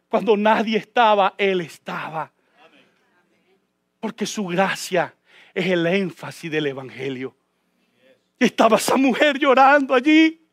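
A male pastor delivering a sermon in church, addressing the congregation with rhetorical questions and swinging between hushed low passages and shouted high points. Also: no room sound, studio quality.

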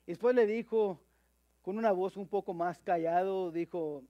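High-voiced man preaching a sermon. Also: dark tone, dry recording, highs cut off. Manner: halting, with frequent repeated words and fillers.

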